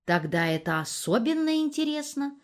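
A woman's voice: sits high, sing-song, normal speed, pitched above the performer's own voice. A woman voicing a nosy, cheeky young village nurse who talks chattily and coquettishly. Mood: chatty, prying.

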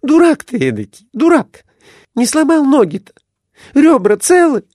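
A woman's voice: high-pitched, sing-song, a little slow, dark tone, no echo, studio quality, voice pushed up. A man voicing a scolding middle-aged wife in a storybook reading, exclaiming and berating her husband.

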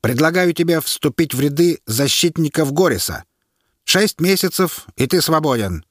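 A man's voice: on the high side, animated, moderate pace, dry recording, studio quality, voice pushed up. A man reading an audiobook and voicing a firm male army officer who calls out his offer. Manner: firm, calling out.

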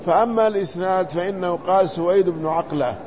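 A man teaching a classical hadith commentary, reading the text aloud and explaining it in a measured, deliberate way, carefully spelling out letters and vowels. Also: sits high, steady tone, lo-fi sound, background noise.

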